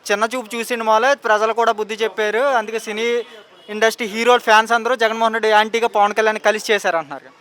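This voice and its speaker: Brief: male reporter, very high bright voice, rapid prodding questions. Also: little pitch movement. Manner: prodding, puts claims to the interviewee, calls him brother. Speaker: street reporter. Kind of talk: street interview questioning.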